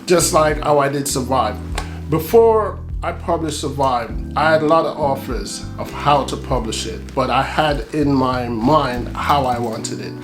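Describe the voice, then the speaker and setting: A middle-aged man from Jamaica, an author, talking casually and reflectively with frequent pauses and ums. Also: mid-range voice. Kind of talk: casual talk to camera. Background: soft guitar music.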